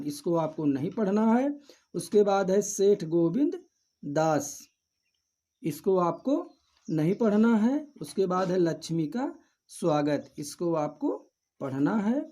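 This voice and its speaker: A man's voice: on the high side, mellow. A male teacher going through a syllabus for his students, listing each chapter one by one in a methodical, repetitive and instructive way. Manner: addresses students directly and instructively. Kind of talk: syllabus walkthrough lesson.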